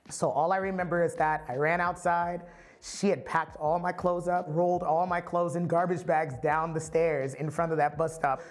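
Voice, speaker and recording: A man from the Bay Area giving a candid, reflective personal testimony as a storyteller. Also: a little high. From San Francisco Bay Area.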